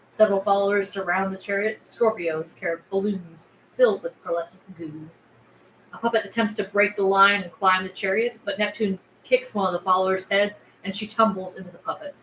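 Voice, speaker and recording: At a film script table read, a woman with a medium-pitched, fairly bright voice reads out the scene directions. The room echoes noticeably, and background noise is clearly audible.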